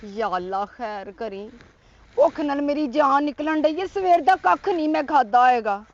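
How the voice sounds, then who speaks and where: A woman playing a shrill scolding village matchmaker. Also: normal speed, highs cut off. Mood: grumbling. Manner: scolding, curse-laden ranting. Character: scolding middle-aged female village matchmaker. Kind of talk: comedy skit acting.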